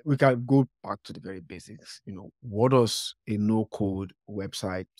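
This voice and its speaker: A man's voice: on the low side, moderate pace, darkish tone, no room sound, clean studio sound. A man hosting a podcast, upbeat and casual, with filler words as he asks questions. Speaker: podcast host. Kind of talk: casual interview talk.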